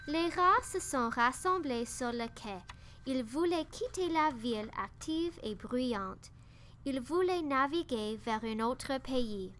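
A woman reading a children's story aloud, slow and careful. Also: high voice, lively intonation, a bit bright, slight background noise. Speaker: narrator.

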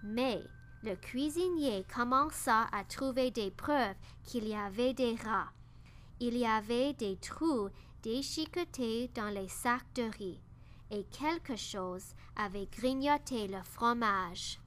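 A woman reading a children's story aloud, slow and careful. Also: fairly high pitch, fairly bright tone, slight background noise. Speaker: narrator.

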